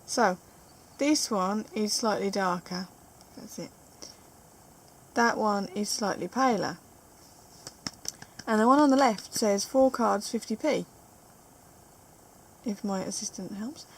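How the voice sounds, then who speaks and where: There's a faint hiss or hum as a British woman, relaxed at home in her living room, unwraps trading cards and reads them aloud in a playful, chatty way. Her voice is mid-range and slow, with frequent pauses.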